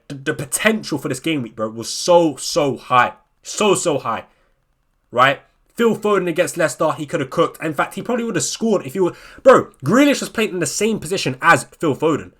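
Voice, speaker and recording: Exasperated young man ranting. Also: fairly high pitch. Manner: exasperated, animated, slangy, stumbling restarts. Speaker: fantasy football YouTuber. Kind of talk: casual ranting reaction video.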